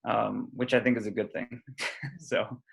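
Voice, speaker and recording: A man's voice: mid-range voice, fairly even intonation, measured pace, gravelly, poor audio. A man in his thirties, a candidate speaking casually in an interview over a video call, with many ums and restarts. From Puerto Rico, raised in Omaha. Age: 30s. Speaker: legislative candidate.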